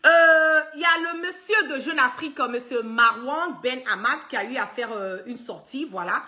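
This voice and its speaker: Woman ranting to her followers on video, kinda high voice, very insistent, lots of restarts and fillers. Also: normal speed, bright, forceful tone. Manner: emphatic and insistent, repeating her claims; heavy use of fillers and restarts. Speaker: online political commentator. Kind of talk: casual video commentary to followers.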